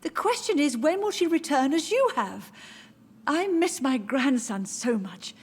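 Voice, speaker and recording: An actress playing a frail, confused elderly mother who speaks tenderly and dreamily, with soft music behind her. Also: high voice, very animated, unhurried. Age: older. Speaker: game character. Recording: game audio with soft music.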